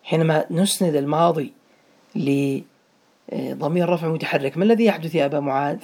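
A man's voice: fairly high pitch, a little fast, darkish tone. A man leads a grammar lesson, calling on his students by name and repeating each point so it sticks. He blesses his students whenever they answer. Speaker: Arabic grammar teacher. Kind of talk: classroom lesson.

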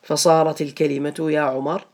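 A man's voice: fairly high pitch, flat delivery, fairly quick. A man teaching a grammar lesson to students, patiently repeating each rule and asking them questions.

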